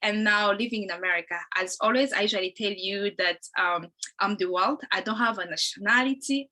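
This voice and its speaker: A woman's voice: medium pitch, fairly quick, bright, forceful tone. A woman from Congo who grew up in Uganda, hosting an online program, rambling and correcting herself as she greets listeners. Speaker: host.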